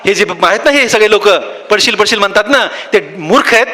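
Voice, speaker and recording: A gentle village mother coaxes her son in a tender, hushed way , put on by a male speaker. The tone stays high and bright. It rings in a reverberant hall. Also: fairly quick. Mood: coaxing. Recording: echoey hall.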